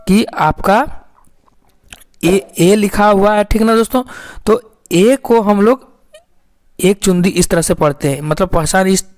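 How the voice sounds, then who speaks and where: A woman teaches phonics at an even, unhurried pace. She spells each word out slowly and answers her own questions. She keeps turning to her viewers to check that they are following. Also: mid-range voice. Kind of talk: explaining a lesson to viewers.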